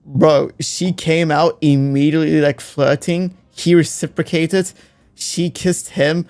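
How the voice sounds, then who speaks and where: A man's voice: fairly high pitch, steady tone, takes it slowly, a little mellow. A young man giving casual, blunt gameplay commentary, swearing freely as he reacts. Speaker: streamer. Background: faint background music.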